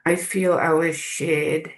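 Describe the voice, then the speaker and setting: A man from South Africa sharing his experience in a group video call, speaking slowly and haltingly as he searches for words. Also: fairly high pitch, flat delivery, low-quality recording. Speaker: course participant.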